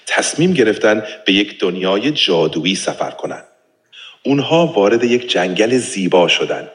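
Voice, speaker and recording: A male-sounding AI voice assistant, played from a phone, telling a bedtime story in a calm, smooth, even way. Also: low-pitched.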